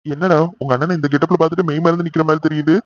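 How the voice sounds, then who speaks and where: A man voicing a loyal young best friend in an animated cartoon, full of joking banter. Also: on the high side, racing, lo-fi sound, natural voice. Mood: teasing. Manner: joking, warm-hearted banter.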